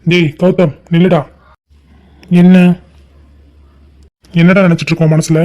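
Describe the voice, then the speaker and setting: A man's voice: on the high side, little pitch movement, a little slow, warm tone, muffled recording, close to an everyday voice. A man voicing a stern, angry middle-aged father in a cartoon family drama, scolding and giving orders. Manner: scolding, commanding.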